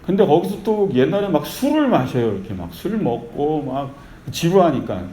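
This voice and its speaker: Korean pastor preaching in an echoey hall. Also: male voice, fairly high pitch, moderate pace. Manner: animated storytelling with repeated calls of faith. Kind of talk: sermon. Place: church sanctuary. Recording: echoey church hall with faint noise.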